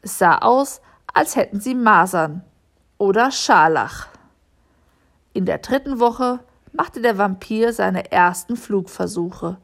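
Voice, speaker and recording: Woman, storybook narration, unhurried pace, calm clear voice, mid pitch. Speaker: audiobook reader.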